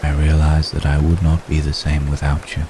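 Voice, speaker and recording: In an ASMR roleplay, a man voices a centuries-old vampire gentleman in love, his pitch extremely low as he offers a tender, vulnerable confession. He speaks formally, softly, and haltingly, apologetic and deliberate in his phrasing, while steady rain falls behind him in this intimate dramatic monologue.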